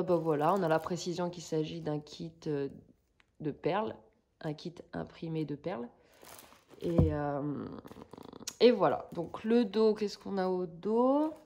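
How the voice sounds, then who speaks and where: A woman's voice: fairly low pitch, vocal fry, a little mellow. Chatty, hesitant French-speaking woman. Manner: chatty, hesitant, searching for words with many fillers. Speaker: craft vlogger. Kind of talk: casual unboxing chat.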